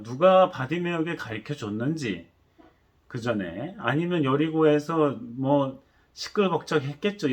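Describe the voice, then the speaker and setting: A pastor preaching a sermon, telling the story animatedly and acting out the voices. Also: male voice, fairly high pitch.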